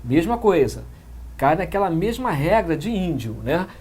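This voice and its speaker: A man's voice: high-pitched, very animated, a little slow, darkish tone, breathy edge. A man with a Brazilian Portuguese accent teaching grammar in an exam-prep lecture, explaining step by step and often checking in with short tag questions.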